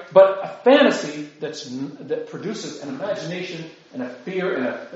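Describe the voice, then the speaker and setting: A man, a priest, giving a conversational talk to a group, often tossing in rhetorical "right?" asides. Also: fairly high pitch. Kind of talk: informal lecture to a group. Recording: very echoey room, dull lo-fi sound.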